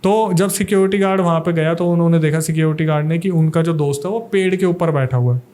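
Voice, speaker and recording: A man's voice: fairly high pitch, fast, dark tone. A young man from Delhi, a paranormal investigator, telling a suspenseful ghost story in a casual podcast interview.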